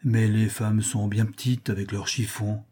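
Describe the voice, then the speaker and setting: A man's voice: on the low side, flat delivery, unhurried, mellow, breathy edge, voice pushed down. A man voicing a vain, pompous older count who admires his own verses. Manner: pompous, self-admiring, emphatic.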